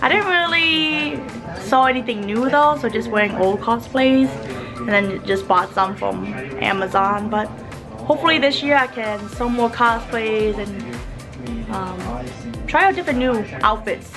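A woman's voice: a little high, unhurried. A young woman from Minnesota chatting casually to a handheld camera at a convention, upbeat and rambling. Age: young adult. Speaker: vlogger. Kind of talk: casual vlog chat to camera. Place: busy convention center halls. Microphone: handheld camera at arm's length. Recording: loud crowd and music behind. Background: crowd chatter and music.

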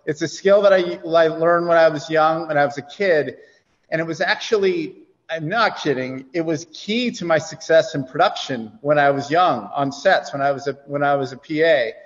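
Man, relaxed, offhand, fairly high voice, reverberant dull call audio. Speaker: global head of production. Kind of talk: casual video-call chat.

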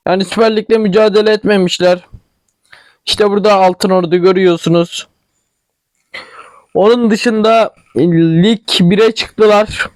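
Young man, regional Turkish dialect, high voice, dry close recording, casual game commentary, stumbles over words. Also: no echo. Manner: chatty, thinking aloud, stumbles over words. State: tickly throat, clearing it. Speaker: gaming channel host.

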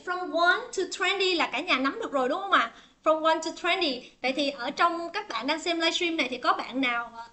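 A woman teaching a livestream pronunciation lesson, chatting with viewers and drilling each word by slow repetition, often laughing between drills, recorded indoors on a tablet microphone. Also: extremely high pitch, sharp tone. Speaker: English teacher.

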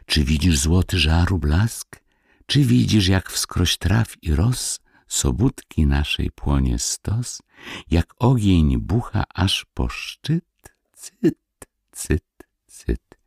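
A man voicing a chorus of tiny dancing dwarves in a slow, whispered, lilting chant. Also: deep voice, gravelly, breathy edge, dry recording, studio quality, full character voice.

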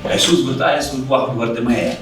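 A man's voice: medium pitch, fairly even intonation, fast, heavy reverb, distant mic, a little hiss or hum, poor audio. A man preaching a sermon in an earnest way, calling his listeners friends and acting out the voices he quotes.

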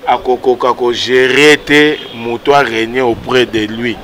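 A man in his thirties with a Congolese accent is an animated guest in a casual interview outdoors by a wall, gesturing with his hands and mixing Lingala and French. His voice is medium-pitched and his pace measured, with background noise present.

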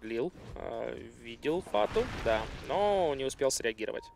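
A man's voice: medium pitch, big pitch swings, unhurried, gravelly, noisy background. A man giving live analytical game commentary, explaining plays in a slightly hesitant way. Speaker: esports commentator.

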